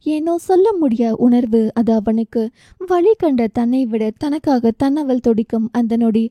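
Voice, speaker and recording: A woman's voice: a little high, mellow, no echo. A woman narrating a romance novel audiobook, reading with feeling and giving each character their own voice. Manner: emotive, voices dialogue with feeling.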